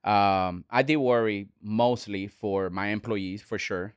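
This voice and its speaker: A man, a restaurant owner talking as a guest in an earnest, halting way with many restarts. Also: on the low side, fairly even intonation, clean tone, no echo, clean studio sound. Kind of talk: casual interview talk.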